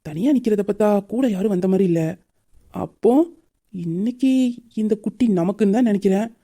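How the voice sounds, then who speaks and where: A woman voicing a leering young man who harasses a woman, with sly muttered asides and fawning flattery, in an amateur audio drama. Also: medium pitch, a little fast, slightly rough. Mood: scheming.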